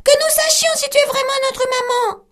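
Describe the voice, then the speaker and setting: A woman voicing a group of small goat kids who shout fast and shrill. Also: fairly even intonation. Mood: defiant. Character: frightened little goat kids, shouting together.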